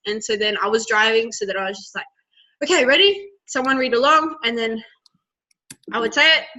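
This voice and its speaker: A woman's voice: on the high side, fairly quick, sharp tone. A woman chatting on a team video call, telling a run-on story with one thing after another. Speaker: team member sharing on a call. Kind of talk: casual chat. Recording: dull video call audio.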